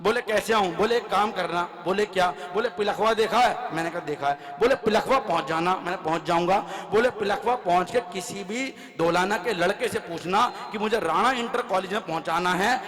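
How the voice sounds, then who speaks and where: A man's voice: high-pitched, moderate pace, hardly any pauses. A man performing comic storytelling on stage at a poetry gathering, acting out dialogue with rhythmic repetition. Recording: reverberant live PA sound.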